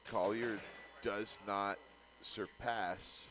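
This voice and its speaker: A man giving live, excitable commentary at a pinball tournament, cheering the players on. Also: lowish voice, drawn-out words, slight background noise.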